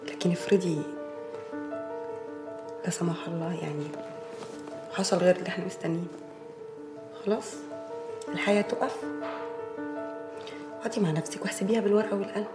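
A woman's voice: on the low side, fairly even intonation, brisk, pauses often, echoey room, music in the background, lightly acted. An actress playing a worried but reassuring woman friend, speaking insistently with an Egyptian accent. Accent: Egyptian Arabic.

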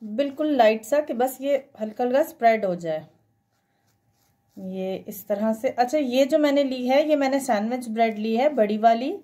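This cooking tutorial voice-over features a woman whose voice sits on the high side and carries a dark tone. At a moderate pace, she explains a home recipe step by step, chatting and instructing while mixing in English words.

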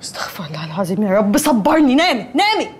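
An actress playing a touchy young roommate trading quick comebacks, with an Egyptian accent. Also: female voice, medium pitch, very animated, slight background noise, close to an everyday voice. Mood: bickering. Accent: Egyptian Arabic. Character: young woman roommate, touchy and sharp-tongued.

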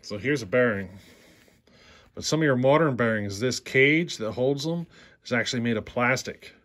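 A man's voice: mid-range voice, moderate pace, a bit bright. A man in a workshop demonstrating a chainsaw repair, talking plainly and unhurriedly, often asking "see how". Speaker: chainsaw repair channel host. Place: workshop bench.

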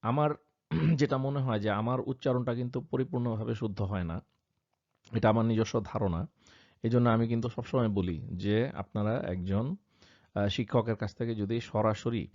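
A man's voice: fairly low pitch, darkish tone. A man, patiently teaching Quranic pronunciation and repeating example sounds aloud. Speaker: tajweed teacher. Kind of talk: explanatory lesson. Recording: dull lo-fi sound.

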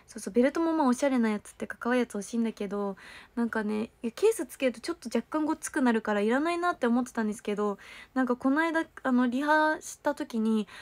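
A woman's voice: fairly high pitch, no room sound. A young woman hosting a casual livestream, rambling and thanking viewers, her diction slightly slurred. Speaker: livestream host and stage performer.

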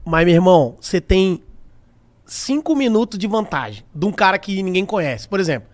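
A man's voice: sits high, lively intonation, moderate pace. A young man from Brazil, a stand-up comedian guest on a podcast, telling stories animatedly, acting out quoted lines and swearing freely. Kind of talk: casual podcast chat.

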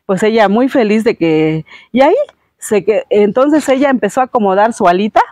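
A woman's voice: mid-range voice, expressive, moderate pace, a little mellow, no room sound, studio quality. A woman, a show host retelling a fairy tale casually with lots of fillers. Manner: homely, filler-heavy retelling. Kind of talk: casual storytelling.

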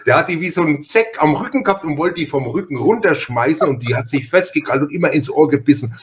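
A man from Franconia, Germany, with a Franconian accent hosts a casual podcast interview, telling stories in a folksy, chatty, stop-and-start way. His voice sits on the high side, expressive and fast, with slight background noise.

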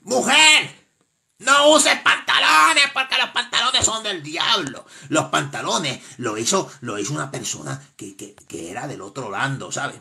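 A man voicing a preachy, strict old church lady of about seventy who scolds in a shrill voice, in a comedic live-stream skit. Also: expressive, normal speed, vocal fry, hardly any pauses, pushed and bright. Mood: scolding.

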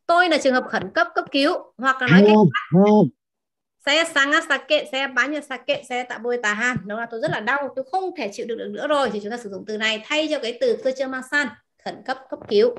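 A woman teaching a language class, repeating words slowly and asking her students questions. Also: a little high, animated. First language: Vietnamese. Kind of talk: explaining vocabulary to a class.

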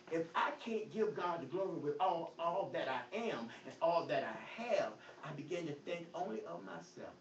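This pastor, a man with a high voice, preaches emphatically at a Bible study, his volume surging loud and then falling quiet, and he says he has a stutter. Captured on a phone across an echoey church hall, the lo-fi sound is distant and dull with a touch of hiss.

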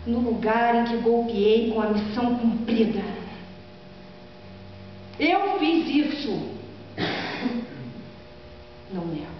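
A woman's voice: mid-range voice, close to an everyday voice. A woman performing a proud, vengeful, gloating queen in a theatrical, declamatory reading of Greek tragedy. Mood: triumphant, gloating. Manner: theatrical, declamatory, emphatic dramatic reading with drawn-out phrases. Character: proud, vengeful queen who killed her husband, defiant and gloating. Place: large classroom or lecture room, indoors. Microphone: far camera microphone. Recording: echoey hall from afar, dull sound, mains hum.

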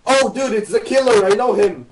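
A man chatting and yelling loudly while playing a game with friends. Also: normal speed, over a noisy crowd. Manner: loud and yelling, jumpy swings in pitch. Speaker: co-player. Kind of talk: casual gaming chat. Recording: roomy and far from mic, noisy.

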